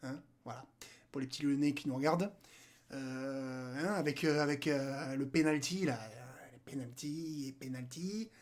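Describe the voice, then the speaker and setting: A man talks through a football match in loose, slangy speech. He speaks straight to players and viewers, swinging between delight and teasing scorn for the rival club. The voice sits at an ordinary middle pitch. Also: normal speed. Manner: animated, slangy, addresses players and viewers directly, mocking rivals. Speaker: football fan commentator. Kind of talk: casual football debrief.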